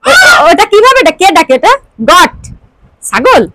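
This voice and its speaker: A woman's voice: very high-pitched, wildly swooping pitch, unhurried, heavy background noise. A woman vlogger coaxing and cooing in affectionate baby talk as she feeds and plays. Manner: sing-song, affectionate coaxing.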